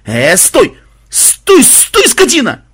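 A husky-voiced man voicing a hot-headed, stubborn male warrior who yells and blusters. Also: mid-range voice, expressive, moderate pace. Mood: panicked yelling. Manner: yelling in bursts, blustering.

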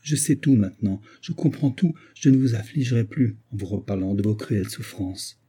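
Man playing a gentle earnest young husband. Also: on the low side, normal speed, husky.

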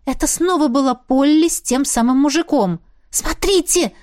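High, dry-voiced woman narrating a story. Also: moderate pace, dark tone, dry recording. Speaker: audiobook narrator. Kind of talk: first-person audiobook narration.

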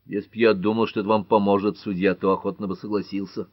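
A man's voice: fairly low pitch, little pitch movement, fast, dry recording, muffled recording, natural voice. A male narrator voicing a guarded, stubborn amateur detective in an audiobook. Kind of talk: audiobook character voice.

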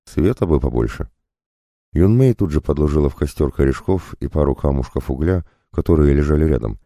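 A man narrating a fantasy audiobook in the first person, calm and steady. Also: rumbling low, quick pace, dry recording, clean studio sound.

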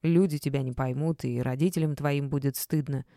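A woman's voice: a bass voice, fairly even intonation, a little fast, dark tone, dry recording, clean studio sound, pitched below the performer's own voice. Woman doing a whiny reproachful ex-husband. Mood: wheedling. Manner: reproachful, mumbling, wheedling.

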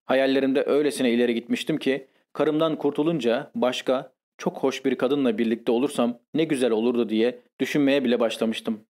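A man reading a first-person literary confession as an audiobook, in a measured, grave and intense manner. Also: mid-range voice, steady tone, a little mellow. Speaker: audiobook narrator.

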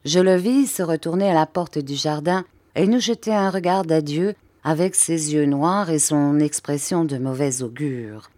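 A woman narrating an audiobook of a classic novel in a measured, even storytelling manner. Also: deep voice, dry recording. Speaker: audiobook reader.

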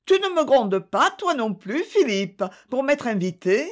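A reader voicing a lively, affectionate young girl in a French novel reading, with a bright, excited lilt. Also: sits high, unhurried, pitched above the performer's own voice. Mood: eager. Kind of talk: audiobook character voice.

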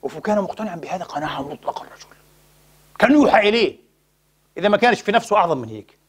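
A man delivers a sermon in a high voice, full of passion. He speaks quickly and keeps pressing his listeners with pointed rhetorical questions. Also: animated, breathy edge. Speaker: preacher.

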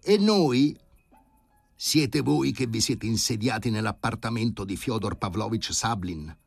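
A man's voice: lowish voice, expressive, unhurried, gravelly, husky, no room sound, faint music behind, voice pushed up, exaggerated voice. A man doing a bristling, indignant young committeeman. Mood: indignant, hostile. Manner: tight, bristling, barely held fury. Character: indignant young male committee leader, hostile zealot.

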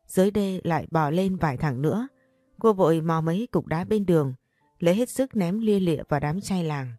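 A woman narrating a story in a steady reading voice. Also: low-pitched, no echo. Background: faint music.

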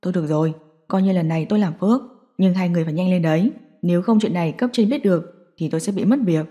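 A woman's voice: fairly low pitch, fast talker, warm tone, lo-fi sound, pitched below the performer's own voice, close to an everyday voice. A woman doing a grudging older prison guard. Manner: grudging, complaining.

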